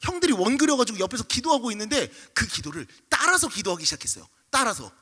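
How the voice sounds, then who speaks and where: A young male pastor preaching in an animated storytelling style, acting out scenes and voices. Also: very high-pitched, fast talker, breathy edge. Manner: lively, acts out scenes, shouts and mimics voices. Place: church sanctuary. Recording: livestream with long hall reverb.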